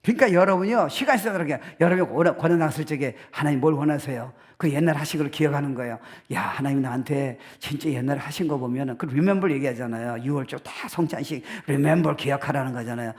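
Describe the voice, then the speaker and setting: A male pastor giving a lively sermon, laughing often, acting out voices and dropping in English phrases. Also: mid-range voice, fast, hardly any pauses. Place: church sanctuary.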